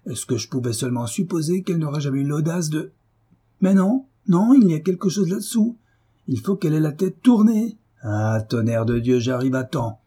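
A man's mid-range voice, animated and carrying a breathy edge, moves at a moderate pace as he reads the part of a brutish middle-aged landowner in an audiobook. Hot-tempered and furious, the landowner blusters, curses and shouts.

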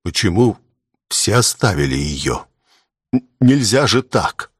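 A man's voice: on the low side, sing-song, slow pace, slightly rough, no echo, studio quality, full character voice. A man playing an anguished middle-aged man who speaks in a choked, theatrical voice, in an audiobook.

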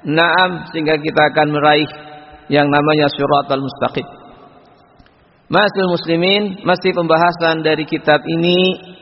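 Male preacher, measured lecture delivery, slow chanted Arabic lines, husky tone; dull lo-fi hall recording. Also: a little high, little pitch movement. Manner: measured, chants Arabic phrases slowly then explains. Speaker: Islamic preacher. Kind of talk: sermon-style religious lecture. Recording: lo-fi recording with long hall reverb.

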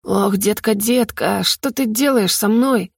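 A woman's voice: mid-range voice, a little slow, gravelly, breathy edge, no echo, clean studio sound. A woman voicing a drunk, giggly young woman stuck in a man's body, slurring and gushing in an audiobook. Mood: giddy. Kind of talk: audiobook character reading.

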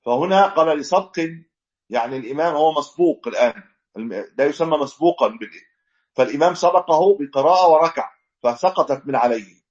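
A man's voice: a little high, expressive, fairly quick, a little mellow, lo-fi sound. A man teaching a religious lesson as a sheikh, explaining step by step and demonstrating correct recitation. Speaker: sheikh teaching a fiqh text.

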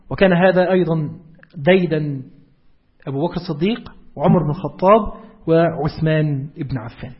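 A man's voice: on the high side, husky, lo-fi sound. A man with an Egyptian Arabic accent giving a religious lecture, explaining step by step and asking his listeners rhetorical questions. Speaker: preacher.

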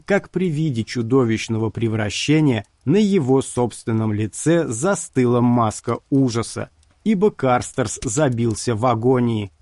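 A man reading a horror story aloud in a slow, measured way. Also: medium pitch, mellow, no echo, studio quality. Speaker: audiobook narrator. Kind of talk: scripted narration.

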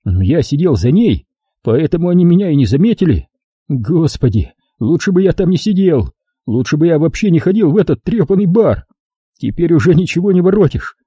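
A male audiobook reader telling a story in the first person, conversational and confessional. His husky, dark voice moves lively in pitch, recorded close and dry. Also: brisk, no room sound.

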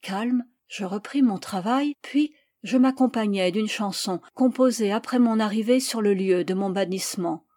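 A woman calmly reading a first-person novel aloud in a measured way. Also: mid-range voice, dry recording, studio quality. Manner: calm, measured. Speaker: audiobook reader.

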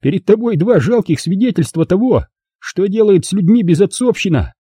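A man's voice: high-pitched, expressive, moderate pace, warm tone, slightly rough, dry recording, clean studio sound, voice pushed up. A man doing a sneering teenage bully. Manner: mocking, theatrical taunting. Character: sneering teenage boy bully, loud and crude.

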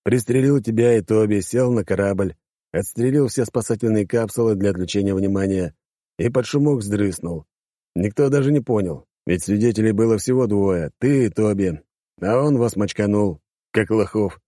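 A man's voice: on the low side, moderate pace, mellow, no echo, clean studio sound, close to an everyday voice. A man voicing a joking, defensive male friend in an audiobook, talking in banter and excuses. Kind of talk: audiobook character voice.

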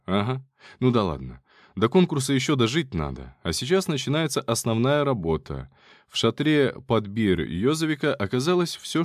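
A man's voice: mid-range voice, no room sound, studio quality. A man giving casual first-person audiobook narration in a wry, colloquial manner.

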